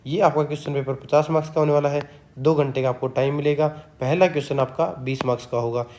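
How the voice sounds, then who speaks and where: A man tutoring students through an exam paper. He reads English definitions slowly, then explains them in Hindi. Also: a little high, fairly even intonation, a little mellow. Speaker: exam tutor, channel host. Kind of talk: exam-prep lesson explaining a question paper.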